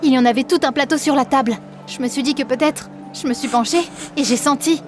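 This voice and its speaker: A woman narrating an animated first-person story in a lively, expressive, dramatic manner. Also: high voice, quick pace, music in the background.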